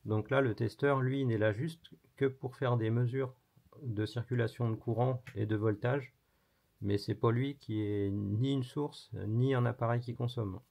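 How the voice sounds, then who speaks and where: A man's voice: medium pitch, steady tone, measured pace, vocal fry, a little mellow. A man hosting an electronics tutorial, explaining casually while demonstrating hands-on and swearing mildly now and then. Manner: casual and chatty, with mild swearing. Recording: dull lo-fi recording.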